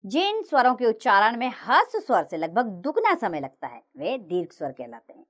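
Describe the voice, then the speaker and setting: A woman teacher narrating a grammar lesson for children, reciting the letters slowly and clearly. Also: a little high. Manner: slow, clear recitation of letters with lively sing-song rises and falls.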